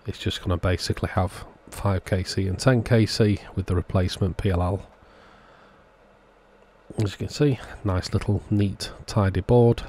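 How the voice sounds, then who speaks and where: Here the host of a radio repair channel, with a deep and warm voice, gives a casual, matter-of-fact voice-over explaining a repair in steps. The narration sounds scripted despite its informality.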